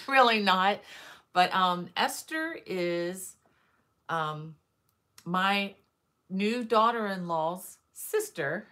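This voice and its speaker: A middle-aged woman with a mid-range, sharp-toned voice hosts a crochet livestream from her living room. Surrounded by bookshelves indoors, she chats casually, greets viewers by name, and uses lots of fillers.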